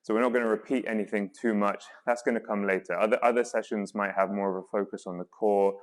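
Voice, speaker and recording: A man's voice: lowish voice, fairly even intonation, quick pace. A man leading guided exercise as a workout instructor, coaching in an encouraging, reassuring way with counts and cues. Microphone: worn mic while exercising.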